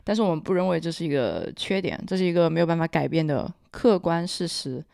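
A woman's voice: fairly low pitch, lively intonation, quick pace, vocal fry, a little mellow, dry recording, clean studio sound. A woman from Hunan with a Hunan accent that blurs L and N, co-hosting a casual podcast chat. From Hunan, China. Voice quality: mixes up L and N sounds. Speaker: podcast co-host.

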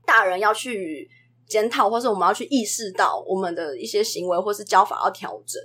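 A young woman, a preschool teacher telling classroom stories in a casual podcast chat, brisk and animated. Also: mid-range voice, breathy edge. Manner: brisk, animated storytelling about classroom moments.

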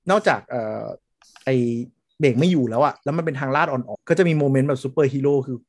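A man's voice: medium pitch, fast, no room sound. Rambling, chatty man, dry sound. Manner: rambling, laughs often, trails off with fillers. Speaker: podcast co-host. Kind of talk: casual chat.

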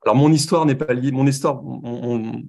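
A man's voice: mid-range voice, fairly even intonation, moderate pace, creaky, darkish tone. A man from France with a French accent, speaking as an interview guest and often repeating words as he searches for them. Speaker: podcast guest, sports website founder. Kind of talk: casual interview.

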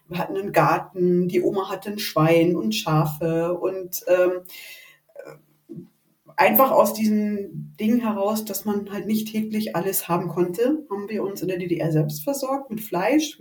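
Speaking at a medium pitch with a slightly mellow quality, a woman from Rostock in northern Germany, aged 48, shares a personal story as a podcast guest. She chats hesitantly in a northern German accent, and the recording is echoey and distant from the mic.

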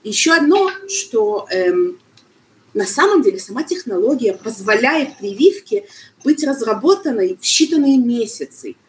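A woman's voice: a little high, big pitch swings, poor audio. Woman, explaining stuff in an interview, keeps searching for words, bit of background noise. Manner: halting, searches for words, mixes in foreign terms. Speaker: medical expert guest being interviewed.

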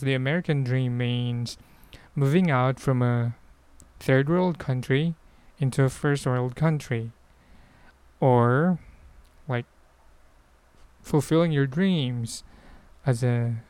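On his relaxed solo podcast, a man from the Philippines with a Filipino accent works through questions in a halting, meandering way, thinking out loud. His mid-range voice is smooth and a little mellow, with no echo.

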